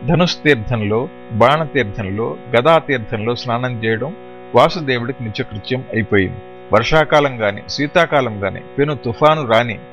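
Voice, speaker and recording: A male audiobook narrator tells the tale steadily and explains as he goes. His voice sits at an ordinary pitch. The recording is dull and lo-fi, with faint music behind him. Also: a bit bright. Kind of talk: scripted narration.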